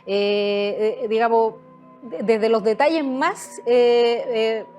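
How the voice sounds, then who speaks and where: Woman guest, higher voice, halting with many fillers, faint music behind. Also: steady tone, mellow. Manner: hesitant, many fillers and restarts. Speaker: guest, author. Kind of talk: conversational interview answers.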